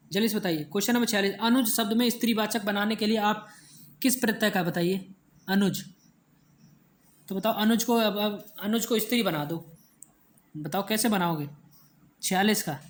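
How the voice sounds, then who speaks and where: A teacher running an online exam-prep class, drilling the same points over and over and quizzing the listeners, counting letters and answer options aloud. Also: mid-range voice.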